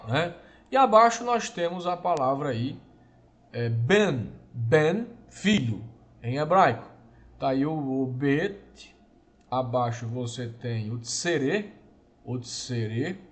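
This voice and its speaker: A man teaching a lesson, explaining slowly and patiently and often checking in with his listeners. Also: on the high side. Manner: slow, patient explaining, often adds "né?" and "irmãos". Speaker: Hebrew teacher. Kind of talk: recorded online lesson.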